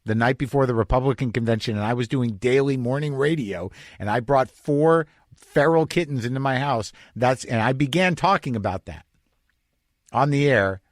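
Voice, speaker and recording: A man's voice: mid-range voice, moderate pace, no echo. Man with a dry close podcast mic. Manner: rambling, confessional storytelling with many restarts. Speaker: podcast host. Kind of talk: casual monologue. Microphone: podcast microphone.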